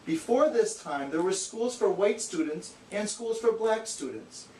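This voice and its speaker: In a high, animated and warm voice, a man voices a know-it-all puppet for an amateur educational show, explaining at a measured pace. The bookish, exasperated character sounds earnest, didactic and slightly condescending, recorded with a distant mic in an echoey, hissy room.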